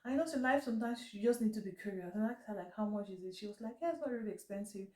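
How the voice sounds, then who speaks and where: A woman's voice: mid-range voice, racing, warm tone. A woman vlogger chatting casually to viewers in a rambling, self-correcting way, with a blocked nose that has her breathing through her mouth as she talks. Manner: mouth breathing while talking. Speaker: vlog host. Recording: echoey room, distant mic.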